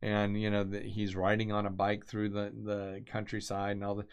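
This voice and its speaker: Doodling on camera, a male designer rambles casually, drifting between thoughts with plenty of fillers and restarts. His voice sits on the low side, monotone and clear with a resonant tone, at a moderate pace.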